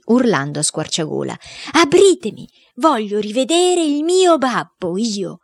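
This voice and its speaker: A woman reads a children's diary novel aloud as an audiobook, in an expressive storytelling way. Her voice sits somewhat low for a woman. The recording is dry and close, with no room sound. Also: gravelly, dry recording. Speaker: audiobook reader.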